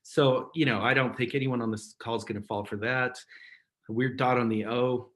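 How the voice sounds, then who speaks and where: A man's voice: mid-range voice, steady tone, moderate pace, fairly bright tone. A man presenting a webinar in a casual, rambling way over a video call, chuckling often. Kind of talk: casual instructional talk.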